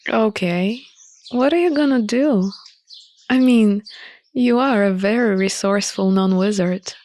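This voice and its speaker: A woman with a mid-range voice narrates a visual novel playthrough expressively, reading it aloud a little slowly.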